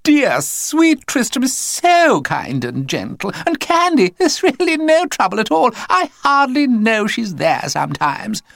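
A man's voice: very high-pitched, huge pitch swings, unhurried, gravelly, hardly any pauses, fairly bright tone, dry recording, studio quality, voice pushed up, full character voice. A man voicing a spoilt, posh mother in a storybook, gushing and airy.

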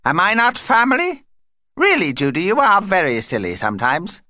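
A man's voice: high voice, huge pitch swings, moderate pace, sharp tone, no echo, clean studio sound, pitched above the performer's own voice, full character voice. A man voicing a bossy, self-important vampire in a children's storybook, with an imperious, theatrical delivery. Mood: indignant, bossy.

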